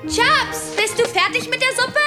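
A woman's voice: extremely high pitch, unhurried, over loud music. A woman playing a plucky, cheeky child adventurer in a theatrical children's audio drama. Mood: playful.

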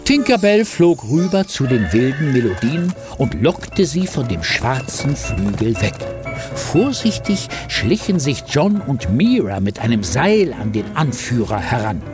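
Male narrator, children's story, expressive, lively intonation, loud music bed. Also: medium pitch, measured pace.

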